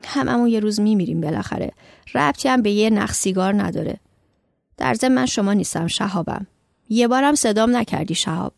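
A cocky teenage boy in an audio story, voiced by the woman who reads it. He speaks casually and teases a little, at mid pitch with a light gravelly edge. The recording is close and dry. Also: no room sound, close to an everyday voice. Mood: teasing. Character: teasing, self-assured teenage boy.

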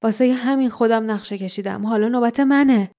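A treacherous shape-shifter who serves a dark lord, sneering and menacing, voiced by a woman. The tone is a little high but mellow. It is a storybook reading. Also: natural voice.

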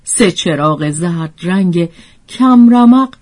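A woman reading a literary story aloud as narrator, in a gentle, expressive manner. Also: on the low side.

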